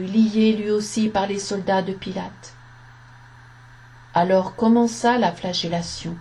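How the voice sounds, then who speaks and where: A woman reading a story aloud in a slow, measured narration, giving the quoted lines a voice. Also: medium pitch, warm tone.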